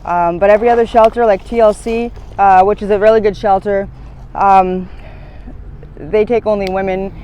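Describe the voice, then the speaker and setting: A woman's voice: medium pitch, steady tone, moderate pace, dark tone. A woman in her thirties interviewed on a city street, talking in long, hesitant, rambling stretches full of fillers. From United States, born in Latvia. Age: 30s.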